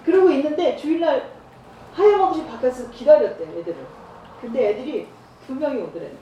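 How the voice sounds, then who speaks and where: A woman's voice: high voice, brisk, lo-fi sound. A middle-aged woman evangelist telling stories in a church training talk, acting out the dialogue. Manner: storytelling, acts out dialogue with lively voices. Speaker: evangelist preacher. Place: church hall. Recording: roomy church hall, far from mic, faint noise.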